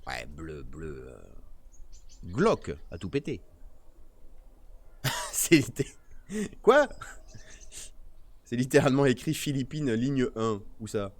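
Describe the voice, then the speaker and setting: Animated, playful male streamer. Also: mid-range voice, takes it slowly, long pauses. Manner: playful, teasing, mock-indignant. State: tired. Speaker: nature streamer hosting a press review. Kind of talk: live-stream chat, reading aloud with joking asides.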